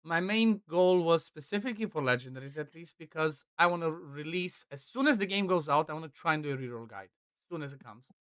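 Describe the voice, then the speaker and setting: A man streaming a game and chatting casually, rambling with quick asides. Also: fairly high pitch, expressive, fairly bright tone, clean tone, no room sound, studio quality. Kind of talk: casual chat while gaming.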